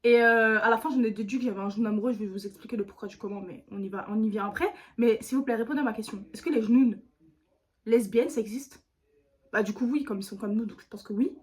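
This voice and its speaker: A woman's voice: a little high, quick pace. A woman YouTuber telling a storytime to her viewers in a chatty, slangy way, speaking straight to the camera. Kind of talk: casual storytime vlog.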